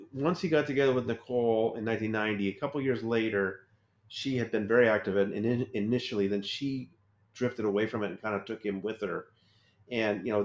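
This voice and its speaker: A man hosting a podcast in casual interview chat, conversational and steering the questions. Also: lowish voice. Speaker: podcast host. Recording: roomy, dull lo-fi sound.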